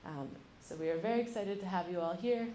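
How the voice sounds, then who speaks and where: A young woman, a young adult, speaks fast in a low, dark voice as she introduces each panelist at a university event, using lots of ums. The setting is a lecture room, captured by a distant mic with a roomy sound and slight background noise.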